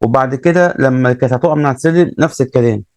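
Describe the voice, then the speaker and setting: Fast, gravelly Egyptian man telling a story. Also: medium pitch, a little mellow, dry recording. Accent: Egyptian Arabic. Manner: retells events with many repeats and restarts. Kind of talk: casual religious storytelling.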